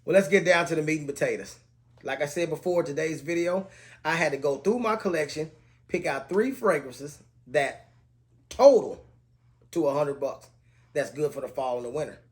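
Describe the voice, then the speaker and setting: Talking to camera in a relaxed, casual way, a man reviews budget fragrances and lists their scent notes in a steady cadence. His voice is on the high side, at a normal speed.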